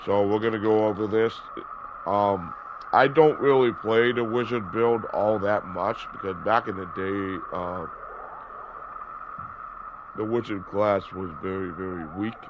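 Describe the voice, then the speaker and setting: The recording is dull and lo-fi with background noise: a man in his early thirties, stuffy and sore-throated from a cold, rambles through casual gameplay commentary for his gaming video, full of fillers and corrections. His pitch is fairly low, his tone steady, his pace unhurried.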